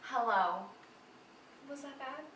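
A woman's voice: sits high, takes it slowly, a bit bright. A young adult woman chatting casually between takes, giggly and often breaking into laughter. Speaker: vlogger rehearsing an announcement video. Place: seated at a table in a home room. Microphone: camera a few metres away. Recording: roomy, distant camera mic, noisy background.

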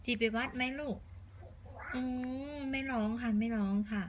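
A woman's voice: a little high, steady tone, moderate pace, slight background noise. A young woman talking to her small children in a coaxing, sing-song way, as in a home video. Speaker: mother.

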